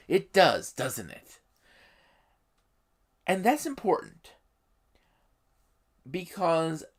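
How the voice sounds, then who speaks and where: With a medium-pitched, fairly bright voice, a YouTube host offers emphatic commentary explaining a game setting, speaking haltingly with pauses.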